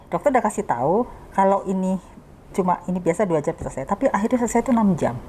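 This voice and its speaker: A middle-aged woman, telling stories as an interview guest in a casual, animated way and laughing as she talks. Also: medium pitch, fast, a little hiss or hum. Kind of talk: casual storytelling chat.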